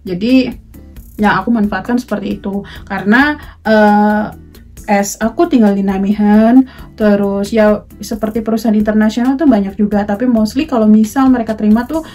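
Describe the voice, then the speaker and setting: Casual vlogger lady from indonesia, talks chatty w lots of ums, soft music under it. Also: medium pitch, steady tone, moderate pace. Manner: chatty, mixes in English words, frequent fillers. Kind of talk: casual talk to camera.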